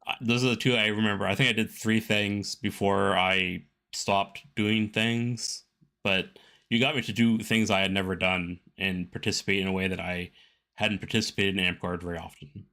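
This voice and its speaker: Bright, low-pitched man hosting a chat. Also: steady tone, vocal fry. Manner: informal, halting, thinking aloud. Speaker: interviewer, host. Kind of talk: casual conversational interview.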